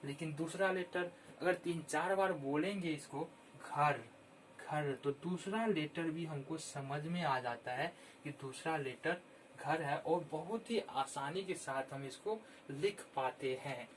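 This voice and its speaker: A man teaching children how to spell words, repeating each word slowly and clearly. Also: a little high, a little hiss or hum. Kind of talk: slow, patient Hindi spelling lesson.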